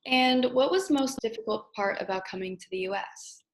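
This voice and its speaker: A woman with a fairly high voice asks short, prompting interview questions. She keeps each question brief and direct. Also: fairly quick, low-quality recording.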